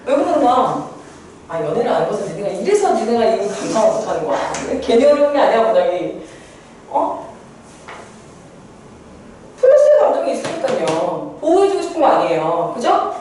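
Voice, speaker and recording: A woman's voice: on the high side, warm tone. A woman teacher giving a poetry lesson, who asks questions and answers them herself. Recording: echoey room, far from mic, faint noise.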